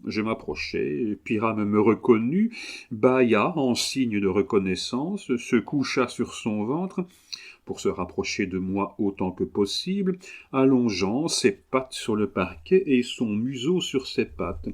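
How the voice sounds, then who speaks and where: A man narrating a memoir aloud in a measured, expressive reading. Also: fairly low pitch. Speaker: audiobook reader. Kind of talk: scripted narration.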